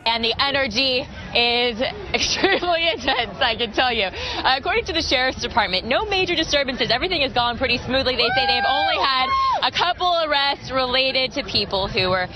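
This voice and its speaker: A woman's voice: high voice, animated, fairly quick. A woman field reporter delivering a live news report on location. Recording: noisy outdoor street with loud crowd.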